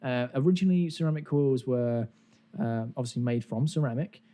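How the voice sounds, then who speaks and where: A man's voice: medium pitch, a little fast, mellow. A man hosting a podcast, explaining things in a casual, chatty way. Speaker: podcast host.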